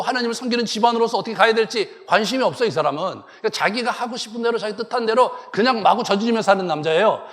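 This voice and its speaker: A male pastor giving a sermon and telling the story in a lively way, acting out the characters. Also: sits high. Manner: animated storytelling, acts out the characters. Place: church sanctuary. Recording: long church hall reverb.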